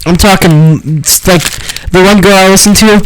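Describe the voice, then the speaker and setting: A man's voice: high-pitched, normal speed, slight background noise, low-quality recording. Chatty young-sounding man rambling casually. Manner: rambling, filler-heavy, slangy. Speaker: podcast co-host. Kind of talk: casual chat.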